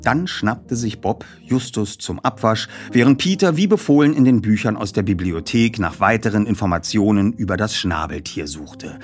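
A man narrating a story in an expressive, scripted audiobook reading. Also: on the low side, normal speed, hardly any pauses, soft background music.

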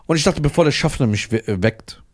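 A young man spins a story in casual podcast chat, his pitch leaping around with every turn. He presses his points with sworn oaths and a showman's rhythm. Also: quick pace. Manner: animated anecdote teller, swears oaths for emphasis. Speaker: comedian guest.

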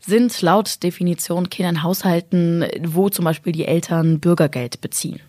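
A woman with a slightly raspy, hoarse voice from a light cold, co-hosting a chatty news podcast. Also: lowish voice, fairly even intonation, moderate pace, a little mellow, dry recording, studio quality.

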